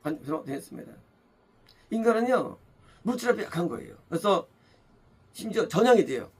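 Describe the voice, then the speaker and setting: A man's voice: sits high, sing-song, brisk, gravelly, breathy edge. A man preaching a sermon as pastor, pressing his points by repeating phrases and asking rhetorical questions. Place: church.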